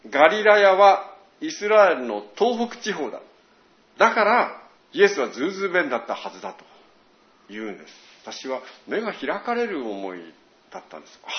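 A man gives a sermon in an animated voice that rises and falls a lot, chatting like he is telling friends a story. The sound is roomy and a bit dull, as from an old lo-fi recording. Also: medium pitch. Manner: chatty, animated preaching with asides. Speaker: pastor.

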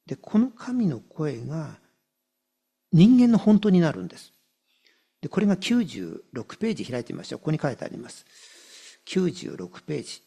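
A male pastor delivers a sermon in a gravelly, husky voice that sits a little high for a man. His pitch swings widely as he reads scripture and explains it. He repeats key phrases and slows right down on the words that matter. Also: sing-song, dark tone.

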